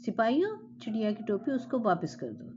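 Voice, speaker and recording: A woman's voice: a little high, sing-song, moderate pace, muffled recording, noisy background. A woman voicing a hot-tempered male king who barks orders at his soldiers. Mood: furious. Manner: raised shouted commands.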